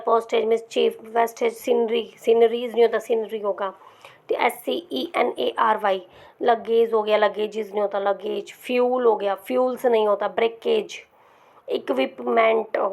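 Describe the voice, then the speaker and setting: A woman teaching English grammar to exam students, explaining patiently and checking in often, sometimes dropping to a soft murmur. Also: fairly high pitch, fairly even intonation, normal speed, gravelly. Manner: explains patiently with many repeated "ठीक है" checks. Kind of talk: Hindi-language grammar lesson with slides.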